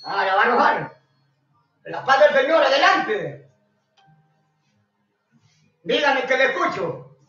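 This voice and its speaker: A Honduran man preaching a fiery radio sermon, shouting and scolding, greeting callers between rants. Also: very high voice, sing-song, slow, long pauses, soft background music. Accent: Honduran Spanish. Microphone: radio studio microphone. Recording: echoey lo-fi radio broadcast from far off.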